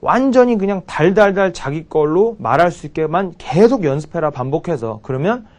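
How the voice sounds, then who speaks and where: A man teaching English grammar, repeating English example sentences slowly and chatting bluntly between drills. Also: a little high, animated, darkish tone. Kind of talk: spoken English lesson with drills.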